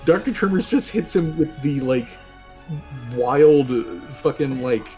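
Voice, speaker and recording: A man running a tabletop role-playing game as game master, narrating in a casual, halting and rambling way. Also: a little high, lively intonation, mellow. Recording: music playing behind the voice. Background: background music.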